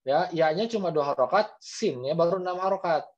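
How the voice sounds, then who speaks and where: A man's voice: on the high side, expressive, fairly quick, darkish tone. A man, teaching Quran recitation in an online class, patiently explaining and modeling the readings aloud. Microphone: video call. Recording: dull lo-fi video call audio.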